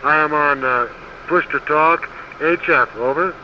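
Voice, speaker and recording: A man's voice: fairly high pitch, unhurried. A male astronaut talking over a helmet radio link in clipped radio procedure. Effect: helmet radio transmission. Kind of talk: radio communication. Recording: muffled, noisy archival radio.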